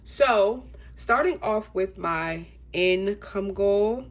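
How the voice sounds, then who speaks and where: A young adult woman hosts a budgeting channel on YouTube, chatting casually with viewers and often saying um. Her congested voice sits at a medium pitch, and she speaks very slowly.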